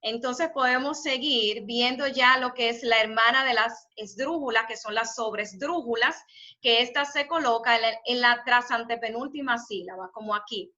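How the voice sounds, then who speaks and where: A woman's voice: a little high, moderate pace, bright, forceful tone. A woman teaching a spelling class live over a video call, encouraging and praising her students' answers. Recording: dull lo-fi video call audio.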